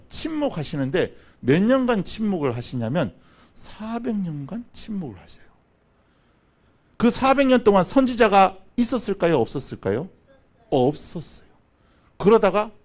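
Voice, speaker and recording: A man telling a Bible story as a children's sermon, acting out the characters with lively, animated delivery. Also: high voice. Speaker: children's pastor. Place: church.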